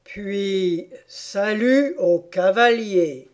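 A woman reading an audiobook voices a boisterous griffin creature that bursts out in loud exclamations. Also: mid-range voice, drawn-out words. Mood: excitable.

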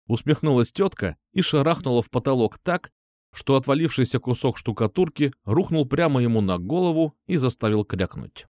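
A man narrating a first-person story in a wry, lively audiobook style. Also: medium pitch, normal speed, no echo, studio quality.

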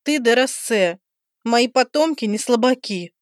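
A woman's voice: on the high side, lively intonation, no echo, voice pushed up. Stern goddess of death, proud and commanding, read by a woman narrator. Dry, close sound. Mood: stern, imperious. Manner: commanding, slow and emphatic. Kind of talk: audiobook character voicing.

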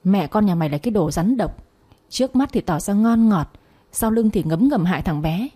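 A woman voicing a sharp-tongued elderly mother-in-law who scolds harshly, in a storybook reading. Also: medium pitch, animated, normal speed, breathy edge. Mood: angry. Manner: accusing, harsh.

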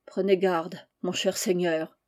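A woman voicing a scheming queen and stepmother, soft and insinuating, in a storybook reading. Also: fairly low pitch, little pitch movement, slow pace.

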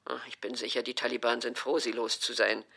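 A woman doing a sharp-tongued stubborn old mother. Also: a bass voice, flat delivery, fairly quick, vocal fry, pitched below the performer's own voice, heavily acted. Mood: scornful. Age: older. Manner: scornful, quarrelsome, cutting. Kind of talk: audiobook reading.

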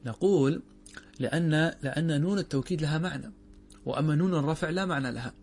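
Male sheikh teaching a classroom grammar lesson. Slightly high voice, methodical, drawls out example words. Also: quick pace, a little mellow, breathy edge. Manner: explains step by step, asks and answers his own questions.

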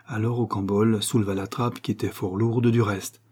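A male audiobook reader narrates in a measured, even storytelling manner. His voice is dark and mellow, with a husky edge. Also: on the low side. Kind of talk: scripted narration.

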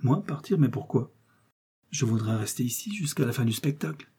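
A man's voice: medium pitch, lively intonation, normal speed, mellow, husky. A man reading the part of a naive, flustered middle-aged sugar maker in an audiobook, pleading and protesting anxiously.

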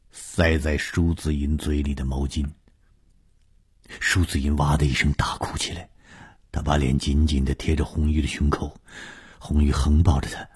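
Deep husky male storyteller. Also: darkish tone. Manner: dramatic, rising on tense moments. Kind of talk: long-form serial story reading.

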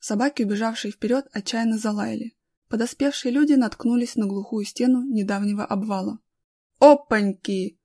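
A woman's voice: fairly high pitch, fairly even intonation, fairly quick, dark tone, no echo, studio quality. Woman reading a children's story. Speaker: narrator.

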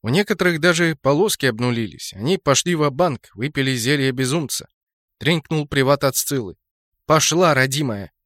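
A man narrating a fantasy game novel in a steady storytelling voice, lifting it sharply for shouted lines. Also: mid-range voice, a little fast, dry recording, studio quality. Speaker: audiobook narrator.

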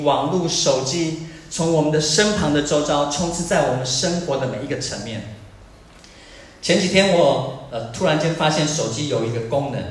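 High-voiced male pastor in an echoey church. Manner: earnest, questioning, alternating calm and emphatic. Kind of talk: sermon. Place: church sanctuary. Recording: echoey church hall, distant mic.

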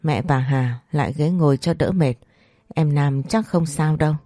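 Steady reassuring big brother, hiding grief, read by a woman, low dark dry voice. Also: moderate pace, no room sound. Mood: calm. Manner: steady, reassuring, holding back tears. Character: grown man, elder brother-in-law, grieving but calm.

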